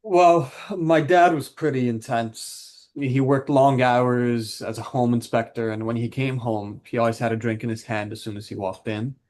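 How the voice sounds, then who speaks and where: A man's voice: mid-range voice, fairly even intonation, normal speed, few pauses, darkish tone, lightly acted. Plain-spoken, defensive husband, played by a man. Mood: subdued, reflective. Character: frustrated, defensive husband who drinks, admits anger issues. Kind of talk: counselling role-play.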